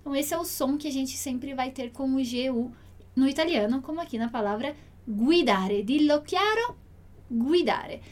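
A woman with a Brazilian Portuguese accent teaching an online Italian lesson, speaking clearly and patiently and repeating words slowly for pronunciation. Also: high voice, animated.

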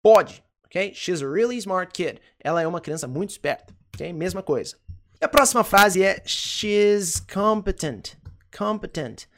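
An English teacher with a Brazilian Portuguese accent, giving a lesson and slowly repeating each phrase with frequent check-ins. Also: mid-range voice, lively intonation. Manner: slow careful repetition, frequent "ok?" check-ins. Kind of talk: online language lesson.

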